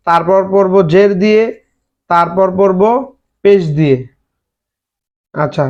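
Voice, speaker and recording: A man teaches in a slightly high voice, chanting letter after letter in a steady drill and asking the viewer questions as he goes. The audio is dull and lo-fi. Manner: asks the viewer rhetorical questions. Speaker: Quran reading teacher. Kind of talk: recorded lesson for viewers.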